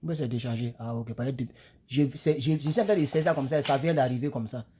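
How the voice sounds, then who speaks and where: A French-speaking man giving a casual English lesson on a phone camera. He rambles and repeats himself, leans on "voilà" and "ok", and slows right down to spell out English phrases. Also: mid-range voice, warm tone, slight background noise. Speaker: English teacher. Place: home, filming on a phone in front of him. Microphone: phone camera close in front.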